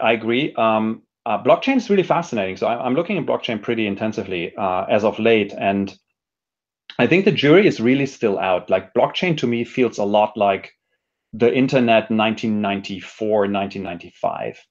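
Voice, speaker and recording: A fairly low-pitched man, heard through a muffled recording, is a podcast guest and entrepreneurship expert. He explains ideas conversationally and often checks in with "right?".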